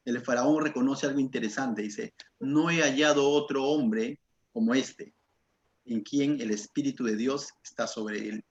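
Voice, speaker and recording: A man from Peru, a pastor teaching Bible verse by verse in a conversational way, often asking "¿no?" and acting out quoted voices. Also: medium pitch. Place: church. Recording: echoey, dull church recording.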